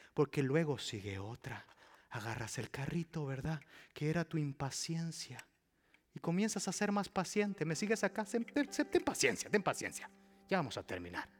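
A man preaching a sermon as pastor, acting out little dialogues, swinging from loud to a whisper. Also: a little high. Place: church with a live audience. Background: soft piano.

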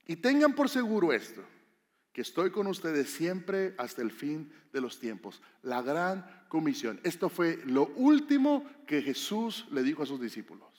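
A man preaching a sermon as a pastor, lively and asking the congregation questions. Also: fairly high pitch. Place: church hall. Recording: long hall reverb.

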